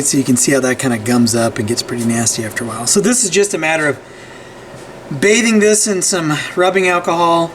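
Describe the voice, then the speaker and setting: Working at his bench, a repair channel host talks through a casual repair tutorial, loose and conversational, frequently asking "right?" and restarting sentences. His voice is slightly high and fairly bright. The recording is rough, with a faint hum of room noise underneath.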